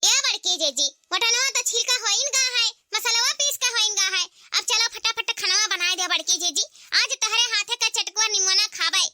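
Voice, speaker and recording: A woman's voice: extremely high pitch, moderate pace, hardly any pauses, bright, forceful tone, no echo, clean studio sound, heavily acted. A woman voicing an eager young village daughter-in-law with an Awadhi accent who wants to learn to cook.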